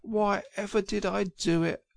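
A man's voice: high voice, fairly even intonation, measured pace, creaky, no echo, pitched above the performer's own voice. A man voicing Mole, a timid, despairing small male mole, in a moaning, doleful, self-reproaching manner. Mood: dismayed. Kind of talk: storybook reading.

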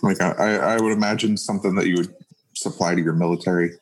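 A man with a very low voice, playing a tabletop game. He talks loosely and hesitantly, with fillers as he searches for words. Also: fairly even intonation, fast talker, a little hiss or hum, poor audio. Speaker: player.

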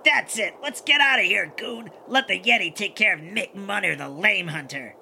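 A man's voice: high voice, moderate pace, creaky, bright, forceful tone, a little hiss or hum, exaggerated voice. A man voicing a bossy, sneering, conceited poacher boss, the villain of a children's audio adventure, full of scornful insults. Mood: alarmed, spiteful.

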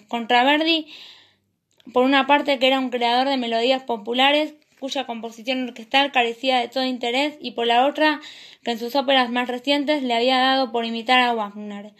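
A woman with a high voice hosts a podcast and reads a history narration aloud. Her delivery is steady and measured, the calm pace of someone reading a prepared script. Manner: steady reading with a warm sign-off. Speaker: podcast host.

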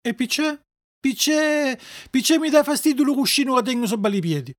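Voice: high voice, moderate pace, no echo, studio quality, voice pushed up, lightly acted. A reader voicing a stubborn, whining wooden puppet boy in a dialect, from sulky protests to wailing pleas. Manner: wailing, pleading, petulant.

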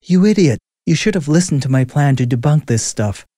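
A man voicing a frustrated young female ghost who shouts in exasperation. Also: on the high side, lively intonation, fairly quick, no echo, studio quality, pitched above the performer's own voice. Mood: furious.

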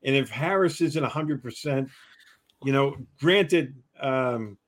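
A man's voice: medium pitch, slow. A man giving football analysis on a casual sports show, rambling and filling with "you know".

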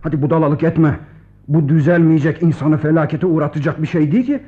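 A man's voice: on the high side, brisk, natural voice. A man playing a firm, caring friend. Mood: soothing. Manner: firm, then hushed and soothing. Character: steady male friend, scolding yet caring. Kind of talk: radio play acting. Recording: dull lo-fi old radio recording.

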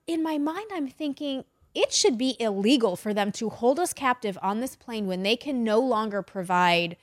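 A young woman co-hosting a casual chat, telling stories in an animated way, laughing often. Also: fairly high pitch, moderate pace, no echo, clean studio sound.

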